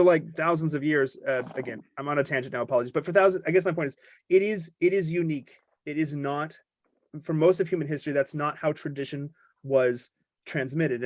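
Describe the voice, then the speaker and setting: A man with a fairly high voice chats on a podcast, wandering off on joking, self-deprecating tangents. The sound is dry and close, with no room around it. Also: no echo. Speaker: podcast co-host. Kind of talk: casual podcast conversation.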